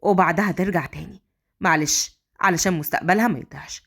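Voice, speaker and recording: A woman's voice: on the low side, expressive, fast talker, voice pushed down. A woman voicing a nervous university dean who placates and defers. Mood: placating. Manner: hesitant, soothing, deferential.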